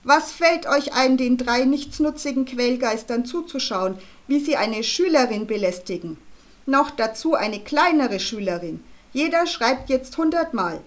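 A woman voicing a loud, bossy male school headmaster who barks commands in a booming voice, in a storybook reading. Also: expressive, a little slow. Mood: bellowing.

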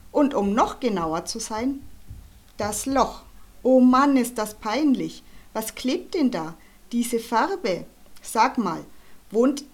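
A woman voicing a cheeky, sharp-tongued little schoolgirl who teases cheerfully and mockingly, in a storybook reading. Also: a little high.

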